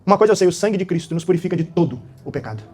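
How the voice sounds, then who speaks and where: A man, preaching an animated, dramatic sermon and often tossing out little tag questions. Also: high voice, rapid-fire, soft background music.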